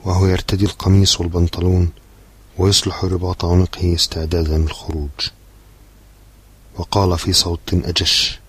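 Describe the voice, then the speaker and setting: A man narrating a literary novel as an audiobook in a measured, steady storytelling manner. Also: sits low, breathy edge.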